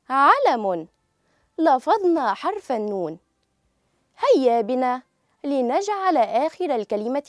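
A woman teaching a children's grammar lesson, speaking slowly and clearly and drawing out each example word for pupils to repeat. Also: sits high, darkish tone, dry recording, studio quality. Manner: clear, drawn-out model pronunciation.

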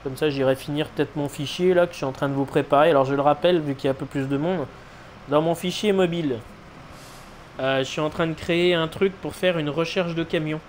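A man's voice: fairly high pitch, fairly even intonation, brisk. Noncommittal male game streamer, background noise. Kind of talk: casual live gameplay commentary.

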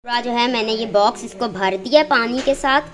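A woman's voice: a little high, fairly quick, a bit bright. A woman, chatting affectionately through a casual home vlog about her cats and kitchen. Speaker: vlogger. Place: home kitchen and rooms, indoors.

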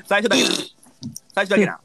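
A man hosting a livestream, loud and teasing, laughing often. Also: high-pitched, little pitch movement, moderate pace, a loud crowd. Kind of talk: casual livestream banter.

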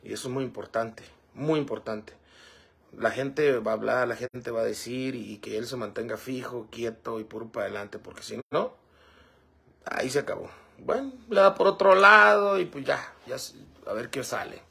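Gravelly husky man chatting. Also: mid-range voice, moderate pace, bright, forceful tone. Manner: rambling, fillers like "este" and "¿verdad?". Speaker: livestream host reading comments. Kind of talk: casual livestream chat.

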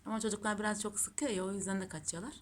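A woman's voice: mid-range voice, fairly even intonation, racing. A woman filming her cats at home, cooing over them and chatting casually to her viewers. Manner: doting, gushing baby talk to her cats. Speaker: pet channel host. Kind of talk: casual home pet vlog.

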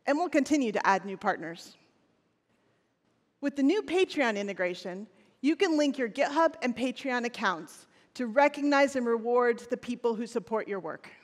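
Woman, 40s, keynote presenter on a big stage; earnest scripted delivery, slightly high voice, lapel mic in a reverberant hall. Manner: scripted, earnest, occasional restarts. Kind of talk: conference keynote speech. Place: large stage in a conference hall. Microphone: headset or lapel mic on stage.

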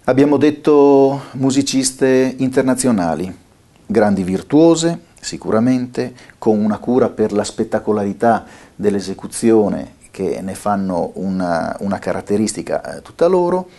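A middle-aged man from Italy talks through an upcoming concert from his notes, his voice low and mellow. His delivery rises and falls with lively swings, dotted with hesitant fillers. He is recorded on a lapel mic in a bright studio office. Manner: lively, with frequent filler pauses. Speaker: concert season presenter.

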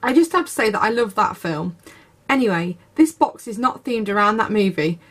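A woman's voice: mid-range voice, lively intonation, moderate pace, a bit bright, slightly rough. A woman, narrating a craft unboxing video with gushing enthusiasm. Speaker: craft YouTuber. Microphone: camera over tabletop, speaker off screen.

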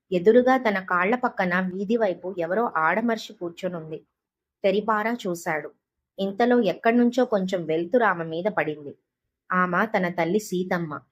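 A woman reading a short story aloud as an audiobook narrator, in a calm, measured way. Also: mid-range voice.

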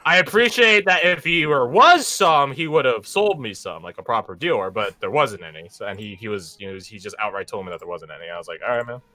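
A man's voice: mid-range voice, expressive, brisk, hardly any pauses, sharp tone. A young man in casual chat, telling a rambling story and running a tabletop game as game master, with lots of fillers and restarts.

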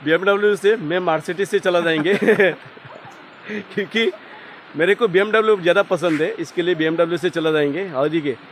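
A man filming a casual travel vlog outdoors by a loud waterfall, excited and jokey, often repeating himself. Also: high-pitched, fairly quick. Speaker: vlogger. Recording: noisy outdoor recording. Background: waterfall roar and ambience.

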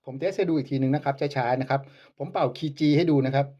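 Blunt Thai flute maker, lo-fi. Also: male voice, medium pitch, fast talker, dark tone, soft background music. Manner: polite but scornful of rivals. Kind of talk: casual demonstration vlog.

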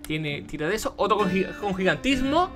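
A young man with a Spanish accent commentating a video game he is playing, casual, excitable, shouting and swearing when things go wrong. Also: high-pitched, a little fast, soft background music. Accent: Spain. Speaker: gaming youtuber. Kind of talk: casual let's play commentary.

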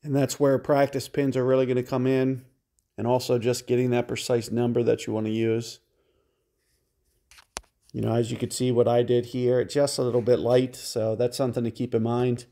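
Calm gravelly man explaining golf shots. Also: mid-range voice, normal speed. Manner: calm, methodical explaining of shot calculations. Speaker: game guide creator. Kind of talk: mobile game walkthrough commentary.

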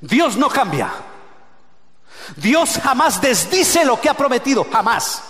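A male pastor preaching a sermon, swinging between loud shouted peaks and low hushed asides and calling on the congregation to repeat phrases. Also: sing-song, slow. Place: church sanctuary. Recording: echoey church hall with long reverb.

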